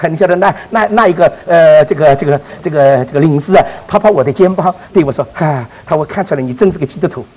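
Man, preacher, testimony sermon, husky, high voice, lively and fast, restarts often. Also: low-quality recording. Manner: animated storytelling with many restarts and fillers.

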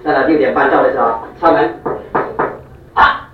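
A man preaching a storytelling sermon, animated and repeating points for emphasis, recorded in a church hall in an echoey, distant, dull way. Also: mid-range voice, moderate pace.

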